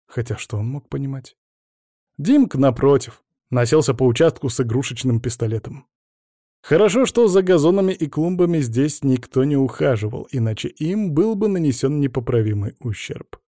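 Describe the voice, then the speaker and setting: A man narrating an audiobook in an even storytelling manner. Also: medium pitch, normal speed, no room sound, clean studio sound. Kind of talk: scripted narration.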